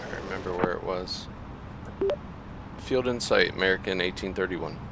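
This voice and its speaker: Low-voiced man on a pilot headset. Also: moderate pace. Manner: crisp radio-call phrasing, relaxed between calls. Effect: speaking into a pilot cockpit headset mic. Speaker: flight simulator pilot. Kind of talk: ATC radio readbacks mixed with casual commentary. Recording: loud steady background noise.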